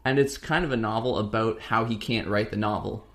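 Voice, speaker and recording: A man's voice: on the low side, fairly quick. A young man co-hosting a podcast, chatting casually and rambling a bit. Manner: rambling, fake-ad delivery at times. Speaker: podcast co-host. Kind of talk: casual chat.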